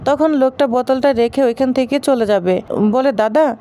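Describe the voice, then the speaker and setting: Brief: woman storyteller, high voice, relaxed serial recap with English words mixed in. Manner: plain, unhurried, with Bengali-English mixing. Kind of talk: casual spoken retelling.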